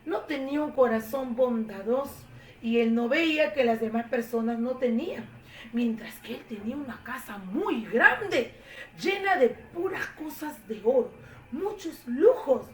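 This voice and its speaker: A woman telling a Bible story to children in an expressive, animated way. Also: fairly high pitch, measured pace, recorded from a distance. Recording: echoey room, faint noise.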